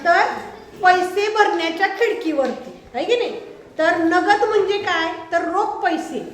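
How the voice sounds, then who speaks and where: Woman teacher, really high voice, keeps quizzing the kids, echoey classroom. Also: unhurried, a little hiss or hum. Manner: asks pupils repeated check questions. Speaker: schoolteacher. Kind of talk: classroom lesson, questioning pupils. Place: school classroom with pupils present.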